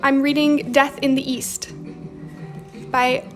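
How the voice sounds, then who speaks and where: Hosting a laid-back journaling livestream, a young woman with a faint Romanian accent reads out comments from viewers and answers them chattily. She speaks slowly, her voice high and fairly flat. Soft music sits quietly underneath.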